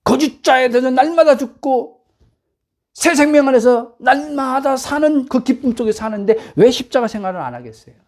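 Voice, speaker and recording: Animated woman pastor preaching a sermon. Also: high voice, normal speed. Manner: emphatic preaching with rhetorical questions to the congregation; bursts into near-shouts for emphasis. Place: at home, near neighbors.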